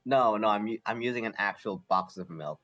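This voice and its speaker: A man's voice: on the low side, a little fast, a bit bright, highs cut off, soft background music. A man chatting casually as a player in a game, rambling and joking a little self-consciously. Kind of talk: casual chat during a game.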